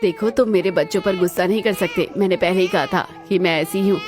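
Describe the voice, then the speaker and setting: A woman's voice: lowish voice, fairly even intonation, quick pace, over music. A woman performing the dialogue of a cartoon family drama in a dramatic, scolding manner. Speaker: voice actor for several characters.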